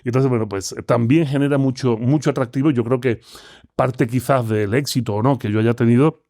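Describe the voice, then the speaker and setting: A man from Seville with an Andalusian accent, a philosopher talking as a guest in an interview, expressive and lively in his pitch. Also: brisk, no echo, clean studio sound. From Seville, Spain. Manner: expressive, talks with animated pitch swings. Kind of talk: conversational interview.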